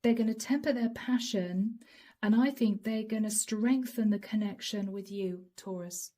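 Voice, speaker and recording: Hoarse from a lengthy session, a middle-aged tarot reader continues her channeled reading, unhurried and mid-range in pitch. Her tone is soft and intimate, often falling into a whisper.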